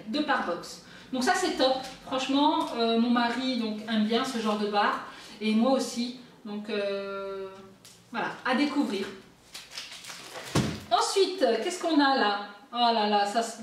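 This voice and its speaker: A cheerful woman chats through an unboxing and reads the product labels aloud. Her voice is high, and the mic sits some way off in a very echoey room. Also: recorded from a distance. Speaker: unboxing vlogger. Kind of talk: casual unboxing chat.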